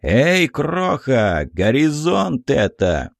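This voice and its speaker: A man voicing a blunt, gruff dwarf who barks his words slowly. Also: fairly low pitch, very animated, darkish tone, dry recording, clean studio sound, heavily acted. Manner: gruff, slow barking.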